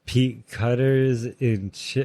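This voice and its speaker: A man's voice: mid-range voice, very slow, dark tone, no echo. A young man co-hosting a casual podcast, reading out history facts in a laid-back way, swearing freely and calling his friend "bro.". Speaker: podcast co-host.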